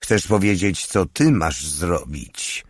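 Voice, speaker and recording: A man reading an audiobook plays a sly soldier who shrugs off blame with smug dismissal. The voice is deep and drawn out, recorded dry and close. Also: expressive, slow pace, breathy edge, no room sound, heavily acted.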